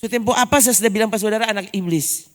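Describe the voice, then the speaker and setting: A woman's voice: mid-range voice, very fast. A woman pastor preaching a sermon, emphatic and full of rhetorical questions. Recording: long church reverb.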